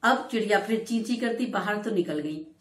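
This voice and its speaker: A woman's voice: mid-range voice, moderate pace. A woman teacher explaining a story chapter to students, retelling it in a storytelling manner and playfully acting out the quoted lines. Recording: echoey room.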